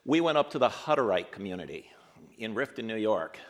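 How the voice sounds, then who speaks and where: A man in his sixties giving a speech to an audience, telling his life story in an earnest, reflective way and slowing down to stress key points. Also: on the low side, big pitch swings. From grew up in Ethiopia and the United States. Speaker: guest speaker.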